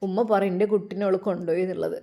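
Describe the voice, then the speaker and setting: A woman's voice: medium pitch, steady tone, vocal fry, warm tone, close to an everyday voice. A woman voicing an earnest tearful young brother. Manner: earnest, halting and pleading. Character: grieving young man, tender loyal brother.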